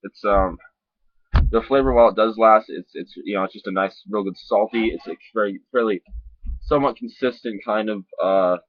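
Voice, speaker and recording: Male reviewer, lowish raspy voice, talking around a lip full of dip; loose, sweary, repetitive delivery, dry muffled lo-fi recording. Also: no echo. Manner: sweary, informal, halting and repetitive. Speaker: dip reviewer on a video channel. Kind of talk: casual rambling review to camera. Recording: dull lo-fi sound.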